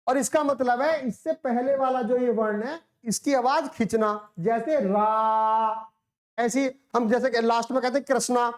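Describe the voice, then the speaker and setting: A woman teacher with a high voice gives a classroom lecture. She explains step by step, asks questions and answers them herself, and stretches out sounds to show them. The room is echoey. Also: moderate pace, hardly any pauses, darkish tone. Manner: demonstrates sounds by drawing them out.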